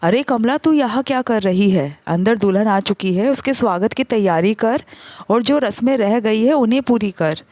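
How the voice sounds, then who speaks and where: A woman voicing a sharp-eyed, meddling older aunt who makes pointed remarks. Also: a little high, expressive, normal speed, dry recording, close to an everyday voice.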